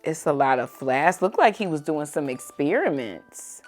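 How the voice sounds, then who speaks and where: Speaking at normal speed in a low, animated voice, a woman hosts a storybook read-aloud with easy phrasing and brief asides to a small child. There's music in the background.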